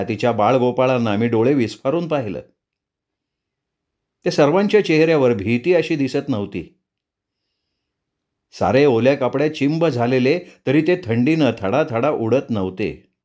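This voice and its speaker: A man narrating a spooky story in a dramatic, deliberate storytelling manner. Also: medium pitch, darkish tone.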